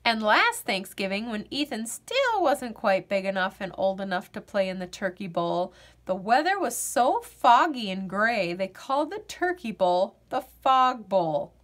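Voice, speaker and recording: Reading from a children's picture book, a woman brings the story to life with an expressive delivery, speaking a little slowly in a mid-range voice.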